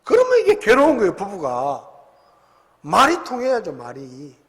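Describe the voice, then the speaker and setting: A man preaching a sermon as pastor in a church sanctuary, talking conversationally, with big swings between loud and soft. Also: high-pitched, huge pitch swings, normal speed, husky. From South Korea. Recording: long hall reverb.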